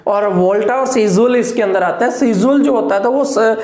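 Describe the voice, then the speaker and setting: A woman's voice: on the high side, normal speed, a little mellow, echoey room. A woman teaching English literature for exam preparation, explaining terms step by step and often checking whether her students follow. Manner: explanatory, asks "clear?" often, counts syllables aloud. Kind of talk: exam-prep lecture in Hindi with English terms.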